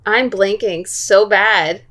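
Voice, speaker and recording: A woman co-hosting a casual guessing game, playful and quick to laugh. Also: mid-range voice, a bit bright. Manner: playful, laughs often, sings snatches.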